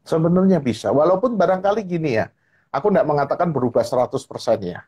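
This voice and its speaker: Male guest, husky voice, animated storyteller on a live-stream chat. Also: on the high side, quick pace. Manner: animated storytelling, repeats "gitu kan ya". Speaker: guest speaker. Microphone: live-stream call. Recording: online live-stream audio.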